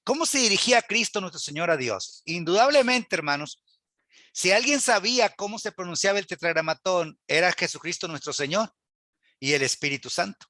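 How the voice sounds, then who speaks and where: Man, church Bible teacher, earnest, rhetorical questions, high bright voice, dry close sound. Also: expressive, brisk, no room sound. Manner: earnest, rhetorical questions, quotes scripture aloud. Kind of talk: church class lecture.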